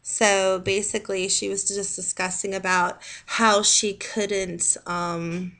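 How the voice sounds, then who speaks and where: A woman with a Southern American accent, talking casually in a video response, with many pauses and restarts. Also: medium pitch, flat delivery, fairly bright tone. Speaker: video blogger.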